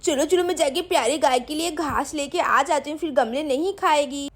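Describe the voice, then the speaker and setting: A woman's voice: sits high, normal speed. A woman voicing a cheerful young village girl in a doll story, coaxing and pleading in a sing-song way.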